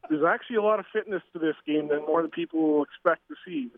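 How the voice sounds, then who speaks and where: A man's voice: high-pitched, big pitch swings, vocal fry, no room sound. Middle-aged man over the phone from a train. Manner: halting, with many fillers and restarts. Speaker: interview guest, curling coach and father. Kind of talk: casual phone interview. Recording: tinny phone line.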